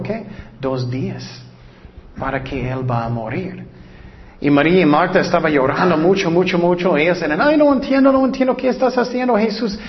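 A woman preaching a sermon in an earnest manner, slowing down to read scripture verses aloud. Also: low-pitched, lo-fi sound.

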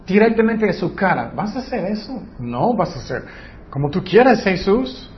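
A man's voice: sits high, very animated, normal speed, slight background noise. A man preaching a Bible lesson, arguing his point with rhetorical questions and mocking quotes of what others say. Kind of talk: Bible teaching. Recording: slightly dull lo-fi sound.

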